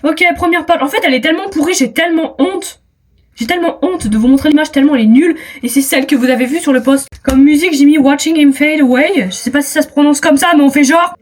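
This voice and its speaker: A woman's voice: sits high, fast, slight background noise. A teenage girl with a French accent chatting casually in a vlog, self-mocking, with hesitant restarts and trailing off. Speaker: vlogger. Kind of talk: casual chat.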